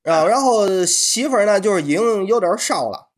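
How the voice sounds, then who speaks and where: A man's voice: sits high, expressive, normal speed. A man with a Tianjin accent chatting casually and comically as a podcast co-host, in earthy colloquial speech with some mild swearing. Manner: colloquial, mildly profane.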